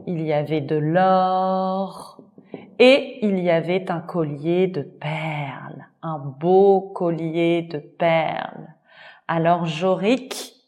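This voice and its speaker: Very slow-reading woman storyteller. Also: on the low side, mellow. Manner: repeats and rephrases each phrase simply. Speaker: storyteller and language teacher. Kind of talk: slow story narration for learners.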